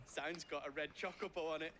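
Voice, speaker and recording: A man's voice: a little high, fairly even intonation, fairly quick, bright, forceful tone, a little hiss or hum. An actor playing a flustered male trader in a video game, anxious and apologetic. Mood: eager. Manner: anxious, apologetic, regional slang. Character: flustered male trader who lost his pass. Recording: game audio with faint ambience.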